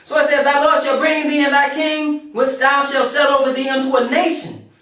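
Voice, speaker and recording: High-voiced preacher in an echoey room. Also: male voice, level tone, moderate pace, pushed and bright, far from the mic. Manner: preaching cadence, repeats phrases for emphasis. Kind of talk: sermon reading and explaining scripture.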